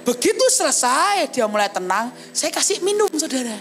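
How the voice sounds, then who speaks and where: A young adult woman evangelist giving a sermon at a church service. She tells her own story in a vivid, animated way and keeps turning to address the congregation. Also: high voice, moderate pace, slight background noise. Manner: animated storytelling, often addressing listeners as brothers and sisters. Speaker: evangelist preacher. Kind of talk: testimony sermon.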